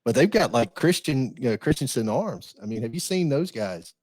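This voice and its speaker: A man's voice: mid-range voice, expressive, moderate pace, darkish tone, no echo. A man co-hosting a podcast, chatting casually in a folksy way, with frequent laughs and repeated words. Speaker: podcast co-host. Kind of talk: casual chat.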